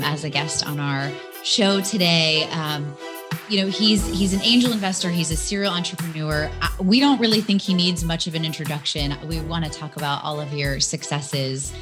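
A woman co-hosting an office interview, chatty and friendly, hesitating with fillers. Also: deep voice. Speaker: podcast co-host. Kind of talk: conversational interview.

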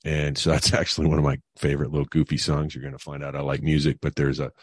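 A man's voice: a bass voice, flat delivery, fast talker, slightly rough, no room sound. A middle-aged man, a guest on an interview podcast, telling personal stories in a conversational way with many fillers and restarts. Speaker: guest, financial advisor. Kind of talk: casual interview storytelling.

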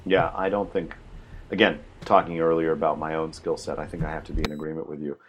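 Husky low-voiced man, dry sarcasm. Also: level tone, fast, lo-fi sound. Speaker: podcast co-host. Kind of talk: casual chat.

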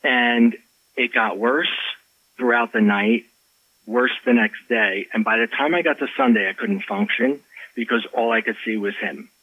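An author and life coach tells a personal story in an interview, speaking at a measured pace in a mid-range voice. He is an animated storyteller who acts out quotes and restarts often. The recording is dry, slightly dull and lo-fi.

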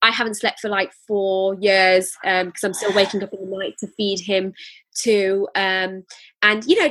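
A woman's voice: a little high, fairly bright tone, husky. A woman in her thirties answering interview questions casually, candid and a little hesitant. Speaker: business founder being interviewed.

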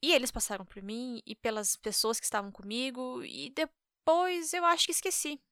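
Bright-voiced woman narrating a story. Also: high-pitched, moderate pace, clear, resonant tone, dry recording, clean studio sound.

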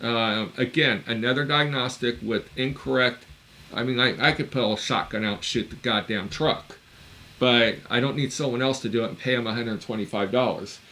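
A man in his fifties, co-hosting a casual podcast, tells his story bluntly and openly exasperated, cursing now and then. His voice is bright and forceful, at an average male pitch and normal speed.

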